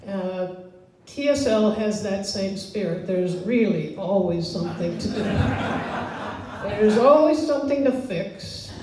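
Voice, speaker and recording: A woman's voice: medium pitch, lively intonation, a little mellow, slight background noise. A woman giving a casual, hesitant speech to party guests as host. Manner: unhurried, hesitant, with fillers. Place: event venue hall. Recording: echoey hall from far off.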